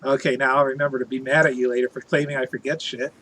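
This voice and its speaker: A man's voice: mid-range voice, flat delivery, quick pace, fairly bright tone, a little hiss or hum, poor audio. A man chatting casually as a live streamer, reading out viewer comments in a playful, jokey, theatrical way.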